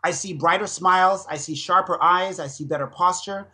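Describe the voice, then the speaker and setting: Man, 50s, high voice, energetic storyteller, podcast guest. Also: normal speed. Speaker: dentist and fitness speaker. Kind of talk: podcast interview.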